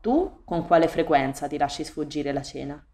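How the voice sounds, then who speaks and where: A woman's voice: sits low, lively intonation, moderate pace, warm tone. A woman reading a smug, aloof talking cat. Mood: silky. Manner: indifferent, overly smooth drawl. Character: aloof, smug male cat, cruel to prey. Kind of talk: audiobook reading.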